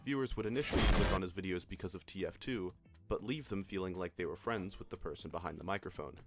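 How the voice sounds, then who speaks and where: A man narrating a scripted video essay in a measured storytelling manner. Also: low-pitched. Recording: narration over clear background music.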